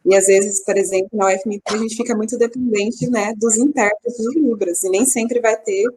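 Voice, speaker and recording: A woman's voice: mid-range voice, fairly even intonation, moderate pace, a little mellow, slight background noise, poor audio. A woman with a Brazilian accent, a teacher, hosting and thanking a guest lecturer on a video call. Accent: Brazilian Portuguese. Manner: attentive, brief acknowledgements. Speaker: host, teacher.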